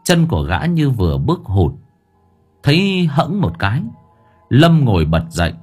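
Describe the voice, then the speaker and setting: A man narrating a scripted audiobook story in an expressive storytelling manner. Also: medium pitch, normal speed, breathy edge, soft background music.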